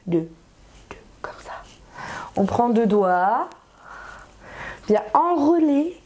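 A woman's voice: a little high, darkish tone. Playful woman vlogger with a put-on accent. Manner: playful, putting on a comic accent; rambling, chatty asides to the viewer. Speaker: beauty vlogger. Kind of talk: casual hair tutorial.

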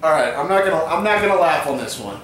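A young man casually telling jokes and bantering with a friend, bro-ish and quick to laugh. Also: fairly high pitch, animated, a bit bright. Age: young adult. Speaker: contestant in a try-not-to-laugh joke challenge. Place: living room couch, indoors. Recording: echoey room, distant mic, faint noise.

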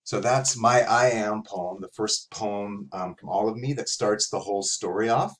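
A middle-aged author and teacher gives young writers a casual, conversational lesson from a computer in a small room at home. His voice is on the low side and a bit bright, at a moderate pace.

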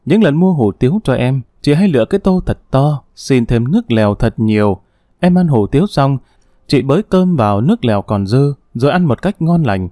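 A man narrating a story in a calm, measured, feeling-filled audiobook reading. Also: mid-range voice, no echo, studio quality.

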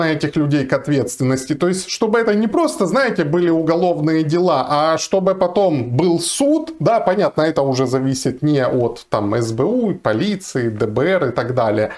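In a small room, a seated man in his forties who is a Ukrainian lawyer gives emphatic, earnest commentary to a fixed camera, leaning on fillers as he makes his argument. His voice is a little high and darkish in tone.

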